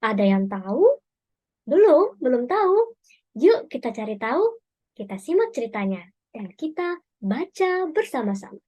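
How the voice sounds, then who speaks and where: A woman from South Sumatra, Indonesia, telling a storybook read-aloud to children, animated and asking them questions. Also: fairly high pitch, normal speed.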